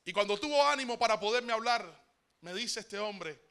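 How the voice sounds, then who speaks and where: A man from Cuba with a Cuban Spanish accent, a guest pastor preaching a sermon. He tells the story in an animated way, repeats words and calls his listeners brother. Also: high-pitched, normal speed, clean tone.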